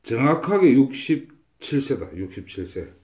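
Here a fortune teller speaks unhurriedly in a medium-pitched, slightly mellow voice with big swings in pitch. His predictions come out as confident, repetitive pronouncements during the consultation.

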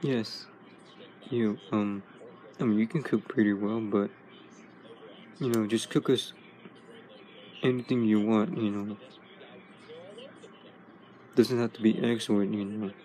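Speaking slowly with long pauses, a man gives voice to a laid-back robot toy hero in a homemade toy video, rambling easily through many fillers and restarts. His lowish voice is warm and steady, though the recording is rough.

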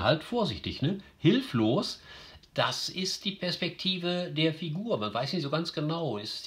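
A man's voice: mid-range voice, a bit bright. A man teaching literature, reading a short story aloud and stopping to explain it, thinking aloud with many fillers and restarts. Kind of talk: explaining a literary text with read-aloud passages.

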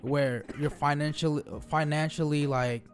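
A man's voice: on the high side, normal speed, soft background music. Young man in his twenties, laid-back chat. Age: 20s. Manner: relaxed, joking, filler-heavy talk. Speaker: co-host of a couple's channel. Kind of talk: casual Q&A chat. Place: small home studio room. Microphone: studio microphone on a stand, close.

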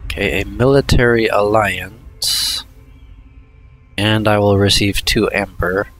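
A man giving casual let's-play commentary, thinking aloud in an unhurried way with hesitant asides. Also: on the low side, steady tone, a bit bright, faint music behind. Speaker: gameplay commentator.

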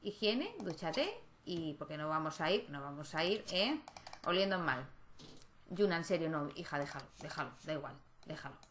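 Chatting away during a let's-play, this woman YouTuber addresses her game characters and keeps asking viewers tag questions. Her low, expressive voice moves at a normal speed with a fairly bright tone, over slight background noise.

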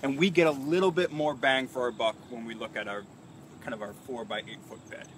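Filmed on a phone a few feet off, a man in his thirties who manages an urban farm leads a live tour through an outdoor garden. He talks a little fast in a mid-range voice with fairly even intonation, pointing at plants as he enthusiastically explains the vegetables. The audio carries outdoor noise.

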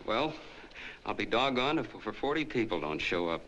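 An actor in a 1940s film playing a chatty small-town soda jerk who tells a long, rambling, folksy story. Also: male voice, on the low side, sing-song, normal speed, bright, forceful tone, a little hiss or hum, low-quality recording.

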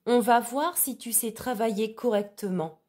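A woman's voice: fairly high pitch, normal speed, a little mellow, close to an everyday voice. A woman playing a grumpy old farmer. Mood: curt.

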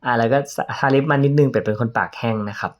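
A man's voice: medium pitch, very fast, highs cut off. A man chatting casually through an everyday makeup routine in a vlog, playful and joking at his own expense. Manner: playful, chatty, laughs at himself. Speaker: makeup vlogger.

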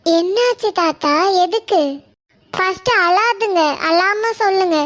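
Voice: extremely high pitch, a little slow, fairly bright tone. A voice actor playing a caring village mother in a cartoon, reassuring and fussing over others.

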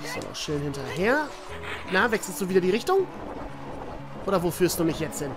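A woman's voice: lowish voice, very animated, moderate pace, music in the background. A woman commenting on her own video game play in a chatty way, talking to her viewers and cursing the enemies. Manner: chatty, addresses viewers as "ihr Lieben", mild swearing at enemies. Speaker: let's player.

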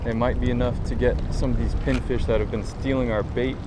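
A young man giving casual, excitable fishing commentary in slangy, exclamatory phrases. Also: mid-range voice, brisk. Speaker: fishing vlogger. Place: outdoors on a rocky jetty by the water. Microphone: action camera worn on the body. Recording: noisy outdoor action camera by water.

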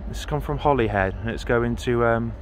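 On a station platform outdoors, a train vlogger chats into his handheld phone camera for a casual vlog, rambling and repeating himself with fillers. He talks at normal speed with a medium-pitched voice, and there's slight background noise.

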